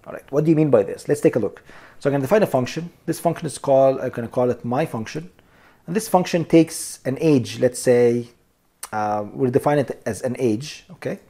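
This programming instructor records a voice-over for a screencast lesson, guiding viewers through code one step at a time. His medium-pitched voice is mellow, relaxed and husky yet brisk, and he keeps checking in with "okay?" and "here we go" while calling his audience "you guys."

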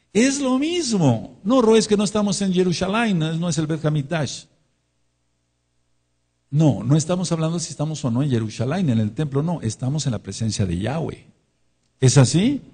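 A Mexican pastor delivering a sermon in a dark, mellow voice with a husky edge. He is emphatic, often repeats a word several times, and sometimes acts out the questions of imagined listeners. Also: medium pitch.

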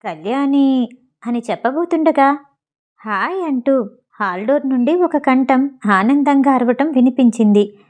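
Female audiobook narrator, slightly high, warm mellow voice, plain storytelling read. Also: animated, unhurried. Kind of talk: reading a novel aloud.

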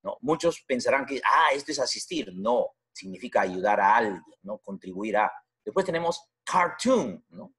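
Husky man teaching a language class. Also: fairly low pitch, very animated, moderate pace. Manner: explanatory, repeats words, frequent tag questions. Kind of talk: recorded class lesson.

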